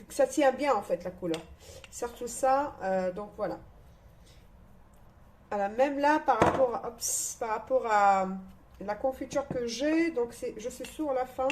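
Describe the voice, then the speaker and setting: Woman, Moroccan accent, home cook, chatty step-by-step demo, slightly high voice. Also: darkish tone. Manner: chatty, talks through each step aloud. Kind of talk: casual cooking demonstration. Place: home kitchen.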